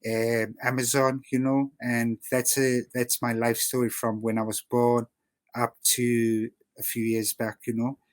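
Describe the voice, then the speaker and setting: A guest artist from South Africa whose accent sounds English rather than South African chats in a casual interview. His mid-range voice stays level and unhurried, with no room sound, as he rambles along, leaning heavily on "you know."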